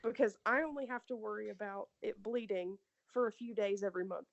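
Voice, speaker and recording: A woman's voice: mid-range voice, a little fast, creaky, dull audio. A young adult woman co-hosting a podcast, telling crude stories in casual chat with lots of "like" and laughter. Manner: crude, animated storytelling with many likes. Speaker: podcast co-host.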